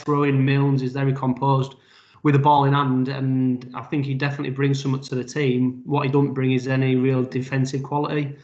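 A man, co-hosting a casual rugby league podcast, breaking down plays in a chatty, analytical way. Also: medium pitch. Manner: chatty, analytical, many fillers. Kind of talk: casual sports chat. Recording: dull roomy podcast audio.

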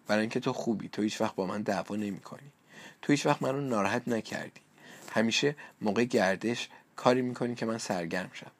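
A man reading a storybook aloud, voicing a timid, gentle young girl with a slightly raised voice. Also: on the low side, creaky, no echo. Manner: hesitant, soft-spoken.

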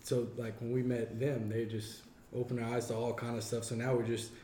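A man's voice: medium pitch, little pitch movement, fairly quick, a crowd in the background. A man guest in a casual chat, easygoing and reflective, with many "you know" fillers. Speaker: guest, business co-founder. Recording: echoey room.

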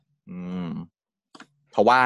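A man's voice: slow pace, no echo, clean studio sound. A man casually retelling a TV series episode, chatty and giggly, slipping into the characters' lines as he goes. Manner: chatty, giggles often, acts out quotes. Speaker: series recap host. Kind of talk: casual storytelling recap.

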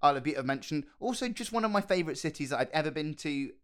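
A man's voice: fairly high pitch, animated, very fast, clear, resonant tone. A man with a posh British RP accent, chatting casually as a co-host and rambling hesitantly through his stories. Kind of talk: casual chat.

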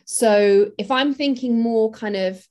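A woman's voice: a little high, takes it slowly, darkish tone. A woman, a makeup artist, talking casually and practically in an interview, with many fillers.

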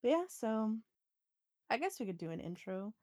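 A woman's voice: fairly high pitch, sing-song, normal speed, darkish tone, no room sound, clean studio sound. A young woman co-hosting a casual podcast, rambling with many fillers and frequent giggles. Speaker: podcast co-host. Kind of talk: casual chat. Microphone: home mic, online call.

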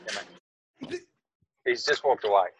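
A man's voice: on the low side, unhurried, noisy background. A man co-hosting a podcast in casual chat, with a laconic, blokey manner. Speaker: podcast co-host. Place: out on a call from a supermarket.

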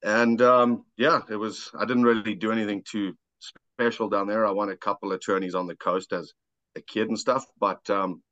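Dull, dry lo-fi audio with no echo captures a South African-accented amateur golfer chatting casually on a podcast about his own life, laid-back and self-deprecating. His voice is fairly low and a bit bright, delivered flatly at normal speed.

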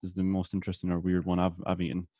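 A man's voice: low-pitched, completely flat delivery, rapid-fire, warm tone, no echo. A man hosting a casual podcast chat, reacting readily and answering in short, easy replies.

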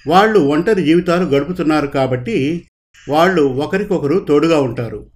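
A calm, wise judge settles a quarrelling couple's case in a storybook reading, voiced by a man. He speaks in an unhurried, measured way, with a slightly raised pitch. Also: close to an everyday voice. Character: calm, wise male judge, mildly exasperated.

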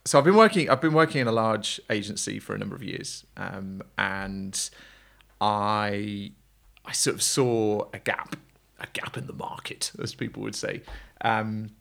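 A man's voice: on the low side, unhurried, vocal fry, a bit bright. A man, a guest on a podcast, chatting casually and rambling with plenty of fillers and restarts. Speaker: podcast guest, agency founder. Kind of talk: casual chat.

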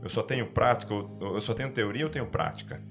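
A man, a guest in a casual podcast discussion. He reflects out loud and poses rhetorical questions to himself. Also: mid-range voice, quick pace, vocal fry, music in the background.

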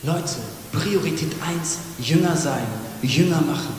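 A pastor with a northern German accent preaching a sermon in a church hall, urging loudly at times and dropping to a hush at others. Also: male voice, a little high, measured pace. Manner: impassioned preaching that swings between loud urging and hushed, soft passages. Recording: echoey reverberant church hall with faint noise.

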